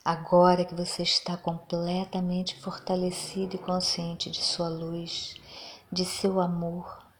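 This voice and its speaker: A woman with a Brazilian accent leads a guided meditation in a soft, breathy, near-whispering, soothing voice. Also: on the low side, monotone, takes it slowly, slight background noise.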